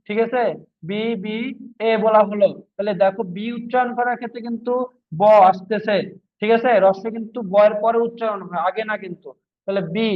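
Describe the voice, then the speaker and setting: A man teaches an exam-prep grammar lesson in a fairly high voice. He repeats his points and keeps asking whether it is clear. The sound is thin and tinny, like a phone line. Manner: repetitive, checks understanding with frequent questions.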